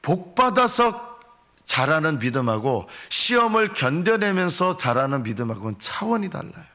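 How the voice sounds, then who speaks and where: A male pastor preaching a sermon at a dawn prayer meeting. He swings between raised, pleading voices and low, quiet solemn lines. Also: sing-song, normal speed. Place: church sanctuary.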